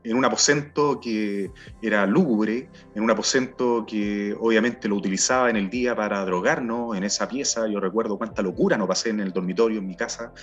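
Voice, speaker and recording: A middle-aged Chilean man telling his personal testimony in an earnest, halting way, often repeating words as he searches for them. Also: on the low side, husky. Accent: Chilean Spanish. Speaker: testimony speaker. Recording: dull sound with faint music behind.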